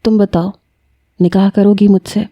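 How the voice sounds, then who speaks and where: Tender, reassuring male professor, read by a woman, soft and mellow. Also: mid-range voice, little pitch movement, close to an everyday voice. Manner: gentle, soothing.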